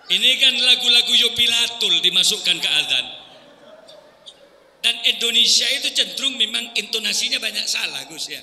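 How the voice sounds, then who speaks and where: A man preaching with animated delivery, now and then singing short call-to-prayer lines. His voice is high and strikingly bright. It carries a long, roomy reverb from a large hall. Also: normal speed. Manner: animated, sings call-to-prayer phrases as examples. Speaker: Islamic preacher. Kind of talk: sermon.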